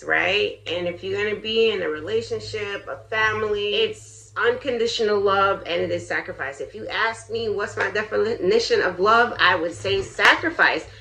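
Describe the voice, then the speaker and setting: A middle-aged woman from Jamaica chats candidly to her viewers in a relaxed cooking vlog. Her voice is bright and forward, sitting in a middle pitch, and she laughs easily between thoughts. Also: a little hiss or hum. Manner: chatty and candid, laughs often. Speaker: vlogger, channel host. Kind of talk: casual cooking vlog chat.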